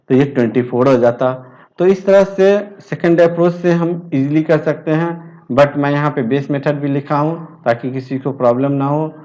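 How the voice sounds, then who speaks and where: A man teaching a math lesson, explaining slowly and deliberately. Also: on the high side, a little mellow, muffled recording.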